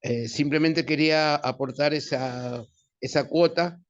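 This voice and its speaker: A man from Argentina who studies linguistics, making a halting, friendly comment in a seminar question round over a video call. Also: a little high. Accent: Argentine Spanish. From San Juan, Argentina. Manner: halting, repeats words, friendly. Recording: dull muffled call audio.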